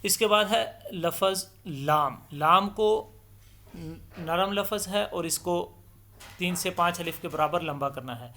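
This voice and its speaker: Patient male Quran teacher drawing out letters. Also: sits high. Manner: draws out each letter sound slowly and loudly in demonstration; patient explanatory tone, mixes in English terms. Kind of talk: step-by-step letter pronunciation lesson.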